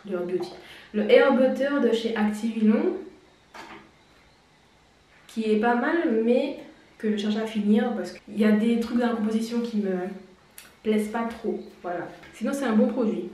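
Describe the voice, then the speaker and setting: A woman's voice: fairly high pitch, unhurried, long pauses, warm tone. A woman giving a casual hair-care tutorial, chatty and explanatory, and now and then she laughs at herself. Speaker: beauty vlogger. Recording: very echoey room, distant mic.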